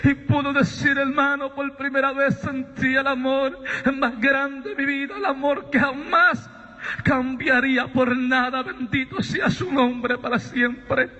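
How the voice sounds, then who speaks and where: A man's voice: very high voice, level tone, a little slow, pushed and bright, big-room sound, muffled recording. A man giving an earnest, sermon-style testimony, often addressing his brothers and friends.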